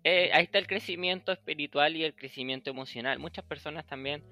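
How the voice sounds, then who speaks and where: Bright-voiced man chatting casually on a podcast. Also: fairly high pitch, fast, no room sound, soft background music. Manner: rambling, heavy use of fillers like "o sea" and "eh"; mixes in English words. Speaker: podcast host.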